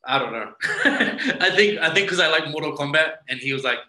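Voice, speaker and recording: A man's voice: fairly high pitch, animated, brisk, sharp tone, echoey room. A man with a New Zealand accent chatting casually as an interview guest, rambling and circling back over his phrases. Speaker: interview guest, professional wrestler.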